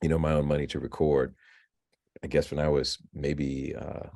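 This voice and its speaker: Very deep, mellow man in his fifties. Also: level tone, vocal fry. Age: 50s. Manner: halting, many restarts and repeated words. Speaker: filmmaker and novelist, alumnus guest. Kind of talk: interview, conversational. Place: virtual interview.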